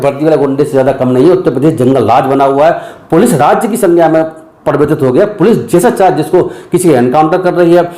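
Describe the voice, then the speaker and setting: Man, ex-judge on a news interview, angry and emphatic, bit high but mellow voice, echoey room. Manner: indignant, emphatic, rhetorical questions.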